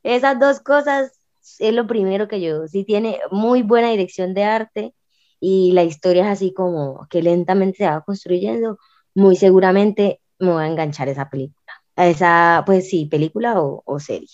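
A woman's voice: medium pitch, moderate pace, a little mellow, no echo, muffled recording. A Colombian woman co-hosting a podcast, talking casually and emphatically with plenty of informal slang. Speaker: podcast co-host. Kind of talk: casual, chatty podcast talk.

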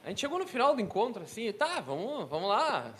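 A man's voice: high voice, huge pitch swings, quick pace, a bit bright, breathy edge. A man from southern Brazil with a gaúcho accent, chatting casually as a show guest. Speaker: guest, car-restoration video creator. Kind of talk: casual chat.

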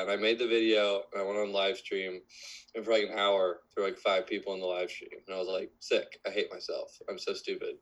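A man's voice: on the low side, fairly bright tone, rough recording. A man of twenty-one, a musician guest in a casual podcast interview, talking in a rambling way full of fillers.

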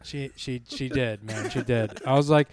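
A man telling a story in casual chat, swearing a lot and acting out quotes in put-on high voices. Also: moderate pace, over a noisy crowd.

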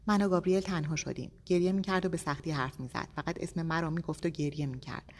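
A woman narrating an audiobook in a measured, steady reading voice. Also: sits low. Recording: long echoey reverb.

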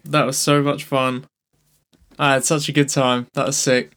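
A man's voice: mid-range voice, flat delivery, normal speed, fairly bright tone, clean tone. A man chatting casually as a player in a tabletop role-playing game. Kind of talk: casual chat.

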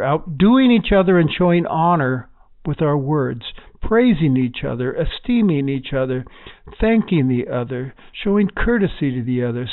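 A man giving a short devotional Bible teaching in a gentle, earnest manner, reading quotations with feeling. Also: on the high side. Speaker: pastor. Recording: narrow phone-like sound.

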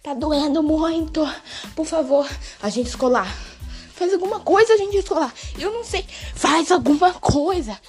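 A woman voicing a panicky young schoolboy in pain, pleading with whiny, drawn-out wails over faint music. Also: fairly high pitch, wildly swooping pitch, slightly rough, full character voice. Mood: desperate.

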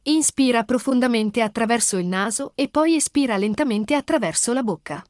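Synthetic woman's voice, guided meditation, slow, soothing, higher pitch, dry sound. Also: animated, no room sound. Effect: synthetic text-to-speech voice.

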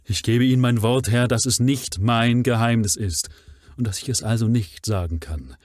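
A man's voice: mid-range voice, normal speed, a little mellow, no room sound, clean studio sound, natural voice. A man reading aloud, voicing a nervous male butler who stammers and pleads deferentially with his master. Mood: pleading.

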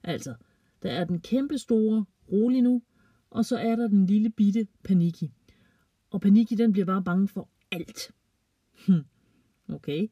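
A woman gently reading a children's story aloud, playfully voicing the characters. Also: medium pitch, long pauses, slightly rough, no echo, far from the mic, lo-fi sound.

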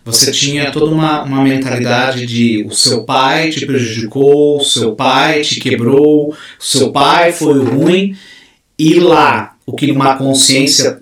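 Man, podcast host, rambling questions, very echoey room, far from the mic. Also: medium pitch. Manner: rambling, restarts his questions. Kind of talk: casual interview questions.

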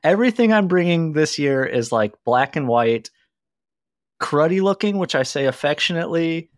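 A man's voice: on the high side, expressive, normal speed, no echo, clean studio sound. A man speaking as a podcast guest in casual chat, wry and self-deprecating. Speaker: podcast guest, game designer.

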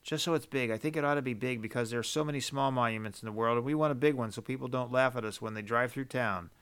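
A man reading aloud, voicing a nervous woman from the town who blurts her opinion in one hurried breath. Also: mid-range voice, a bit bright, clean tone, close to an everyday voice. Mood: eager. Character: nervous townswoman blurting all at once.

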